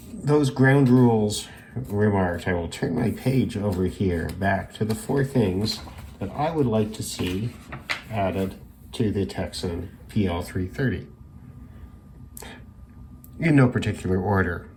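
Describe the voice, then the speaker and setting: A radio hobbyist reviews a product informally in a low-pitched, slightly mellow voice, measured and thoughtful, pausing hesitantly as he goes. A clearly noisy background hiss sits behind him.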